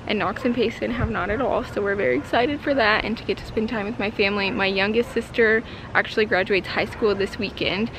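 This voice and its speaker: Speaking at a medium pitch and a little fast with few pauses, a young woman who vlogs about her homesteading family chats casually to the camera in her backyard. Her talk is peppered with "like" and "you know," and the outdoor recording has a noisy background.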